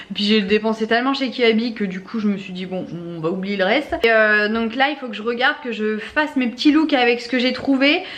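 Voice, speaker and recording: A woman's voice: a little high, a bit bright, a little hiss or hum. Chatty young woman vlogging at home. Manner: chatty, many fillers, exasperated. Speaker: family vlogger. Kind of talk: casual vlog chat. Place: home, kitchen.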